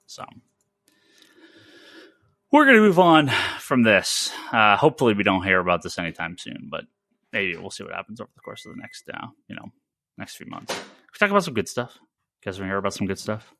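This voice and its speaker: Hosting a casual comics podcast, this comic store owner speaks emphatically and opinionatedly, often restarting and repeating phrases. His fairly low voice is very animated and fairly quick, with long pauses and a pushed, bright quality on a dry recording.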